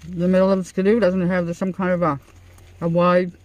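A woman in her sixties makes casual small talk in a car. She chews while talking, as someone does over a relaxed meal. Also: lowish voice, fairly quick, poor audio. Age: 60s. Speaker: vlog host. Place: inside a parked car at night.

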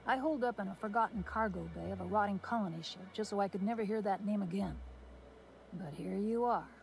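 An actress playing a bitter, sarcastic former testing supervisor in a video game, with a dry, world-weary delivery. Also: female voice, mid-range voice, fairly quick, gravelly, darkish tone, slight background noise, natural voice. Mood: sardonic. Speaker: game character.

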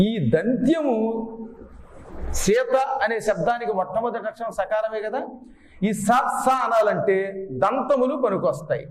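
Male devotional speaker, high pitch, chants and explains verses, teaching tone, recorded in a roomy hall with faint noise. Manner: chants Sanskrit verses slowly, then explains line by line; teaches by asking the audience to voice sounds. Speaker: spiritual discourse speaker. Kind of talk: devotional discourse.

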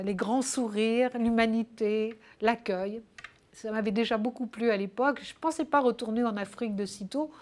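Female interview guest, slightly high, halting delivery full of fillers. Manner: hesitant, many fillers and restarts. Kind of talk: casual interview answers.

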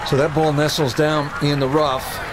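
A man's voice: on the high side, flat delivery, moderate pace, background noise, lightly acted. A man playing an easygoing, informed golf commentator in a video game. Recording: music and crowd ambience behind.

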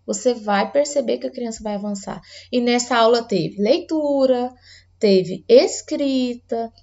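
A woman teacher from Brazil explaining an early reading lesson to parents, patient and explanatory, sometimes slowing down to read words aloud. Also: a little high, creaky, a little mellow, muffled recording.

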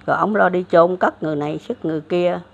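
A Southern Vietnamese elderly storyteller rattles through a religious legend fast, her fairly low voice showing vocal fry. She rambles casually with plenty of fillers and restarts, recorded in dull lo-fi sound with slight hiss or hum.

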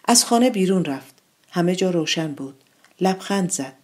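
A woman reading her own short story aloud in a calm, measured way. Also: lowish voice. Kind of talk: literary narration.

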